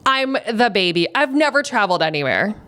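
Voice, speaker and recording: A woman in her forties, a guest in an interview, telling a story in a lively way, laughing often and acting out what people said. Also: medium pitch, a little fast, clear, resonant tone. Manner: animated, laughs often, acts out quotes. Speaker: guest, food stylist.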